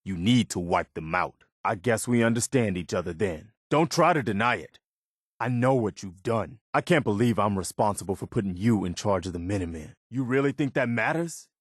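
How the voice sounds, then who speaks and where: Disappointed and stern, this earnest militia officer for a video game speaks sincerely and plainly as a loyal companion of firm principles. His fairly low, dry, close-recorded voice has lively intonation, a breathy edge, and a slightly fast pace.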